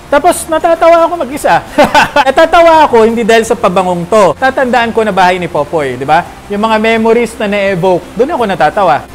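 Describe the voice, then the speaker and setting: A man from the Philippines hosting a casual perfume review vlog, chatty and jokey, constantly checking in with his viewers. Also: high-pitched. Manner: chatty, peppers talk with tag questions; animated, jokey asides.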